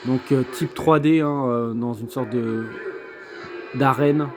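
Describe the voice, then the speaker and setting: A man's voice: mid-range voice, steady tone, slow pace, over music. A man giving casual gameplay commentary as a game reviewer, thinking aloud and hesitant, with many fillers. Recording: clear background noise.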